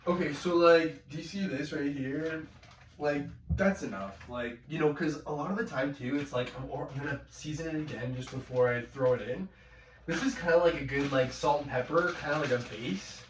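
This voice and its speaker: A young man rants and rambles with constant swearing and fillers as he cooks at home. His voice sits a bit high. The room is echoey, and he stands some way from the mic, with faint room noise behind. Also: moderate pace, distant mic. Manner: rambling, profane, ranting, many fillers. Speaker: vlogger. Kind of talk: rambling cooking vlog rant.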